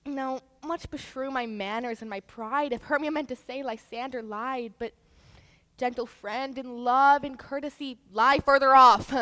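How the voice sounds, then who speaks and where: A woman playing the gentle young maiden Hermia in a school stage play, soft and coy in her delivery. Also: high voice. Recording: stage mic with hall reverb.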